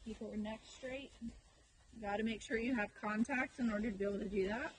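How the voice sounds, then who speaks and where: A woman riding instructor coaching a live lesson with brisk, projected commands in short, repeated instructions. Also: on the high side, fairly even intonation. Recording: noisy ambience, voice sometimes distant.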